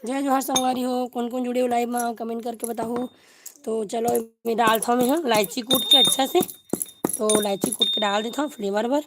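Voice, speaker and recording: A woman with a Chhattisgarhi accent hosting a casual live cooking stream from her home kitchen, chatting to viewers while hushing and directing a small child. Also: on the high side, steady tone, brisk, noisy background. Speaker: cooking vlog host.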